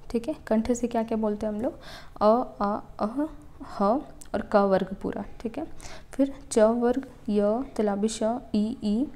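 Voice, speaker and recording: Teacher lady going through letters one by one, soft mellow tone, keeps saying theek hai. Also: on the high side. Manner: explains step by step, repeating "ठीक है" to check understanding; sounds out letters slowly for pronunciation. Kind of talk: exam-prep Hindi grammar lesson.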